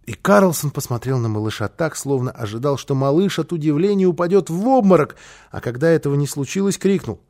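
A man narrating a children's story in an expressive, lively storytelling manner. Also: fairly high pitch, a little fast.

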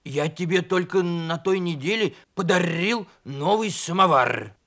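A man voicing a young donkey who has turned into a wolf, speaking slowly in a hoarse, growling voice and sounding puzzled. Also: a little high, lively intonation, fairly bright tone, heavily acted. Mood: bewildered.

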